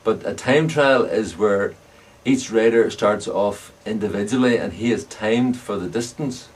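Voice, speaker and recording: A man's voice: on the low side, measured pace. An older Northern Irish man with an Ulster accent, reminiscing casually as he answers interview questions. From Northern Ireland. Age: older, around 70 or above. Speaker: bicycle frame builder and veteran club racing cyclist being interviewed. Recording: distant mic, clear background noise.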